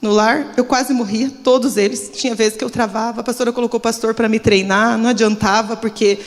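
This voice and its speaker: A woman's voice: a little high, fairly even intonation, brisk. A middle-aged woman pastor with a Brazilian Portuguese accent, giving an emotional, confessional testimony in a church service. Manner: emotional, confessional, trembling with nerves. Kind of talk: testimony sermon. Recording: long church hall reverb.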